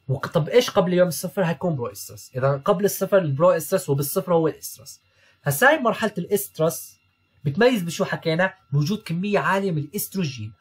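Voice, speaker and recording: Rapid-fire young male vet tutor. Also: on the high side, slightly rough. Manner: rapid, repeats key terms, checks in with "okay?" and "تمام؟"; mixes English medical terms into Arabic. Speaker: veterinary student tutor. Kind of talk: recorded lecture over slides.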